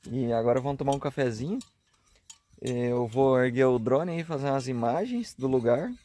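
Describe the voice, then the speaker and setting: Chatting for his camping vlog, a man in his thirties with a Rio Grande do Sul accent from southern Brazil speaks relaxedly, frequently using tag questions. His medium-pitched voice moves at normal speed in a dry recording made on an arm's-length camera at a grassy hilltop campsite, earlier inside a car at night.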